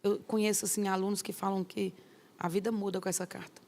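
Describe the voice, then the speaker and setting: A woman pastor, teaching a course in an emphatic, lively way with rhetorical questions. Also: mid-range voice, quick pace, creaky.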